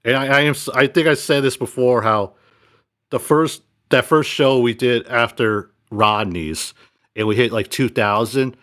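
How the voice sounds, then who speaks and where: A man hosting a podcast, telling stories in an animated way and swearing freely in casual chat. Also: mid-range voice, measured pace. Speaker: podcast host.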